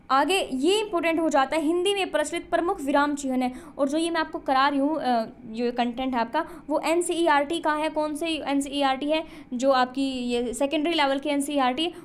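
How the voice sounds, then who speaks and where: A woman's voice: sits high, moderate pace. A woman teaching an online exam-prep lesson, explaining step by step and often asking her students questions before answering them.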